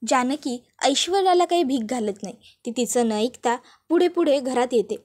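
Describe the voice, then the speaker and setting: A woman's voice: high-pitched, expressive, normal speed, a little mellow. A woman narrating a recap of a TV serial episode, retelling it as a story and voicing the characters. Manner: plain storytelling, quotes characters.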